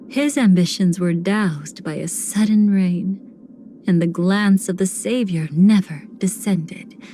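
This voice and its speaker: An actress playing a seductive, sinister woman cremator in a video game, speaking in a languid, theatrical way with breathy, whispered phrase endings. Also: medium pitch, dark tone, slight background noise, natural voice. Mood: coolly musing. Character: seductive, sinister woman cremator who savors betrayal and decay. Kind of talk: video game character voice lines.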